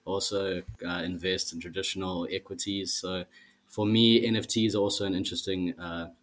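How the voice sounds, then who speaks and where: A young man in his twenties introducing himself as a guest on a casual podcast, in a measured way with some fillers. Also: low voice, level tone, fairly bright tone, slight background noise. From South Africa. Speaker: guest, project team member.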